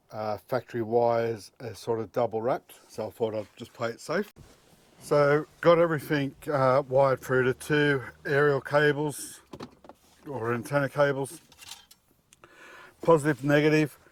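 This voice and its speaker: A middle-aged man presenting a DIY job explains each step in a casual, plain-spoken way, moving between the engine bay outdoors and the vehicle's cab. He talks a little slowly in a steady, mid-range voice, with no echo.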